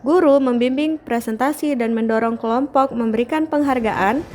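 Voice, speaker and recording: A woman's voice: fairly high pitch, moderate pace. Woman narrating a teaching video. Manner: formal, even, explanatory. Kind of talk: scripted voice-over narration.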